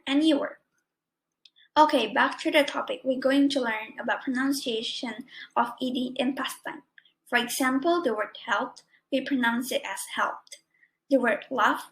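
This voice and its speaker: A young adult woman student with an Indonesian accent presents a prepared grammar lesson, reading it carefully word by word. Her voice is a little high, and the recording is rough.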